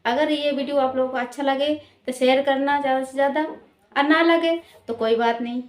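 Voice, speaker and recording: A woman's voice: high voice, fairly even intonation, moderate pace. A woman vlogger speaking straight to her viewers in an admonishing way, repeating her points and tagging them with questions. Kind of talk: direct-to-camera opinion vlog. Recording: roomy echoey room.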